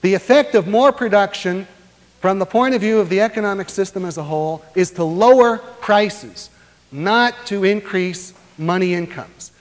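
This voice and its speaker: A male lecturer speaking with a somewhat high voice, working through his points slowly and deliberately, pausing often to find the next word. His talk carries a long, ringing reverb, as if captured in a large lecture hall. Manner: measured, deliberate explaining with frequent "uh" pauses. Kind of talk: academic lecture.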